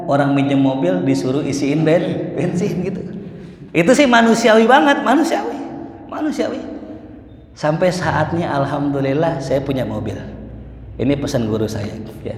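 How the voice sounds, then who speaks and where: A man preaching in casual storytelling style. He talks in a lively, colloquial way and acts out the voices of the people in his stories. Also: mid-range voice. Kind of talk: sermon storytelling. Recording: echoey hall.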